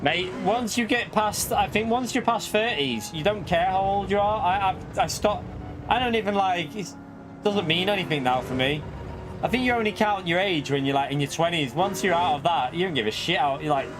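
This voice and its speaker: A man's voice: high voice, normal speed, noisy background. A British man in his forties who streams a racing game, chatting casually and bantering with laughter. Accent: British English. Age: 40s. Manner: jokey, laughs often, banters with his partner. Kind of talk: casual live-stream chat.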